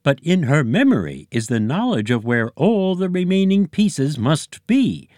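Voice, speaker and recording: A man's voice: a little high, sing-song, unhurried, a little mellow, no room sound, clean studio sound, pitched above the performer's own voice. A man reading a story, voicing a pompous, bossy male egg-alien leader who bellows his orders. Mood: commanding. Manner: bellowing, blustering. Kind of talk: audiobook character voice.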